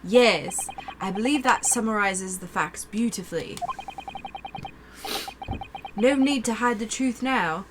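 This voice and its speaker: A woman's voice: medium pitch, takes it slowly, pauses often, background noise, natural voice. A woman reading a pompous eccentric detective. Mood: grandiose. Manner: grandiose, theatrical, old-fashioned phrasing. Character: pompous eccentric male detective, self-assured.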